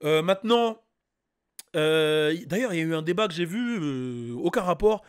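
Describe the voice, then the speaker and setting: A man hosting a casual reaction show, talking loudly and excitably with sudden shouted bursts. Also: on the high side, normal speed, clear, resonant tone. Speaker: host reacting to a music track.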